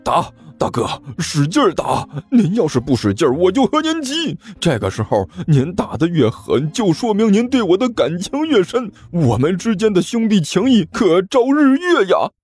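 A man voicing a whiny younger sworn brother who begs, high and fast, in a husky voice with soft music behind. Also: wildly swooping pitch, heavily acted. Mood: pleading. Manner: high, fast, wheedling and begging.

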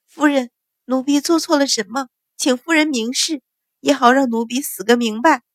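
A woman voicing a frightened young maidservant, high and pleading, stammering as she answers. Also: a little slow, creaky, no echo, clean studio sound.

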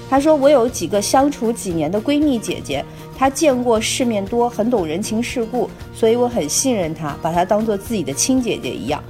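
Woman reading out a listener letter on a podcast, even conversational voice, faint music underneath. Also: on the high side. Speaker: podcast co-host.

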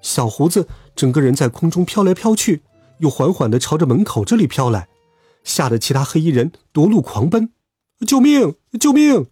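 A man telling a children's story aloud in a lively, expressive way. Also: a little high, a little fast, breathy edge, dry recording, studio quality, soft background music.

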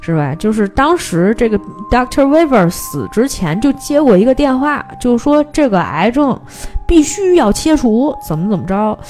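A woman, hosting a casual film podcast and retelling a plot in lively detail. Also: a little high, normal speed, faint music behind. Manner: animated storytelling, briefly mimics characters' lines.

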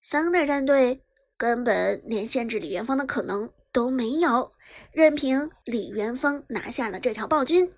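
A woman narrating a web novel chapter in brisk storytelling style, lifting her voice on the action. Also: a little high. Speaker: audiobook narrator. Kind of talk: scripted narration.

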